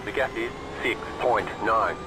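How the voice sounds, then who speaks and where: A man voicing a race engineer in a racing game, giving terse pit radio calls about gaps, lap times and fuel in a clipped, flat manner. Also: on the low side, a little slow, very noisy, natural voice. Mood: calm.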